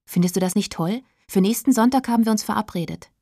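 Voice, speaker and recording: A woman's voice: medium pitch, fast, mellow, dry recording, clean studio sound, lightly acted. A woman voicing a chatty, self-absorbed teenage schoolgirl in a storybook reading, gushing and whiny.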